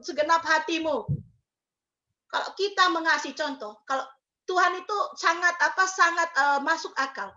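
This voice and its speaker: A woman's voice: high voice, sharp tone, muffled recording. A middle-aged woman preacher giving an emphatic sermon, asking rhetorical questions and mixing in English phrases.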